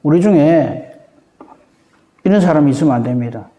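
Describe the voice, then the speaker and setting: A male pastor delivering a dawn sermon in a lively, high-pitched voice with a mellow tone. He talks conversationally and keeps drawing the congregation in, and his voice rings through a reverberant church hall. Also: moderate pace. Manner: conversational, often seeking agreement from the congregation.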